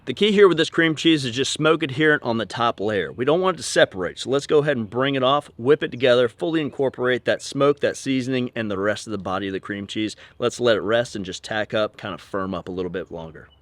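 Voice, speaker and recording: Brief: male chef host, mid-pitched, energetic and upbeat, demo-style delivery, dry studio-close sound. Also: fast, few pauses, dry recording. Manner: energetic, upbeat, talks straight to viewers. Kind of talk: cooking demonstration.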